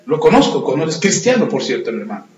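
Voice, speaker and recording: A pastor preaching a sermon and telling stories, often putting questions to the congregation. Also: male voice, on the high side, very animated, fast talker, a little mellow, lo-fi sound. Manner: storytelling, asks the congregation questions. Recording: echoey hall, long reverb.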